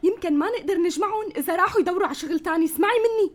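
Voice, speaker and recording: An actress with a Levantine Arabic accent playing an anxious, urgent partner who pushes for quick action. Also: female voice, very high-pitched. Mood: worried urging. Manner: urgent, nagging. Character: worried, pushy workshop partner.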